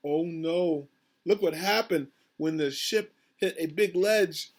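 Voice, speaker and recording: A man's voice: high-pitched, a little slow, breathy edge. A man, a school principal, reading a picture book aloud to children over a video call, praising them and asking about the pictures. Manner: encouraging, asks the children questions about the pictures.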